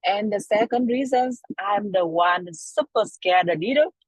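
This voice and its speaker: A woman introducing herself to her class from a car speakerphone while driving, speaking in halting, hesitant phrases. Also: mid-range voice, animated, slightly rough, no room sound. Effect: over a car speakerphone while driving. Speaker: student. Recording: dull lo-fi car call audio.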